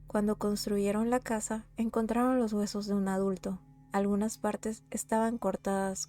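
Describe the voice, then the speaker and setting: A woman narrating true horror stories in a steady, scripted way. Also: medium pitch.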